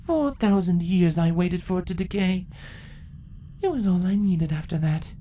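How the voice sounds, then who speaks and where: A woman voicing an ancient changeling empress in a fantasy story, a calm, condescending and menacing villain who speaks deliberately. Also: lowish voice, voice pushed up, natural voice. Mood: cold, superior.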